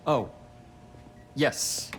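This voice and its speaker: Reserved, slow-spoken scientist doctor. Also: male voice, fairly bright tone, slight background noise. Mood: clinical, regretful. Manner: formal, measured. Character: reserved, courteous, uneasy male scientist doctor. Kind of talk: video game character dialogue.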